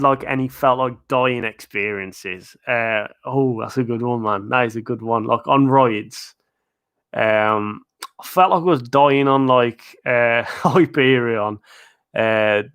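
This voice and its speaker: Sitting in his living room, a theme park video creator chats his way through a live-stream Q&A, rambling with fillers and chuckles. His voice is medium-pitched and a bit bright, but it's getting worn as he loses it.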